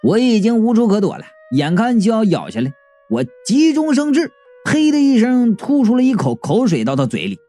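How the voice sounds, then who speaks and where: A man's voice: high-pitched, moderate pace, faint music behind. A man reading a comic first-person story aloud in a playful manner, acting out the dialogue. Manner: lively, playful, acts out dialogue. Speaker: audiobook narrator.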